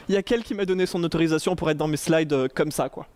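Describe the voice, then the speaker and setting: A man with a high voice presents at a conference in front of an audience. His delivery is loose and chatty, with jokes, fillers and self-corrections. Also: brisk, a little mellow. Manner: chatty, joking, many fillers and restarts. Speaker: conference speaker. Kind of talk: casual tech talk with slides. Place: conference room before an audience.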